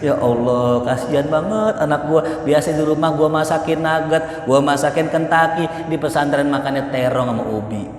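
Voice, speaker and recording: A man doing a fretting, self-pitying mother, rather high voice, echoey hall, faint background noise. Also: moderate pace, hardly any pauses, natural voice. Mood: lamenting. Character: fretting mother of a boarding-school boy.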